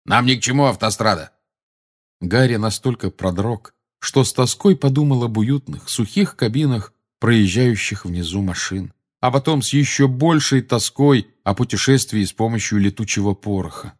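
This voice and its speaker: A man narrating an audiobook in a measured storytelling manner. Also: mid-range voice, a little mellow. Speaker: audiobook reader. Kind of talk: scripted narration.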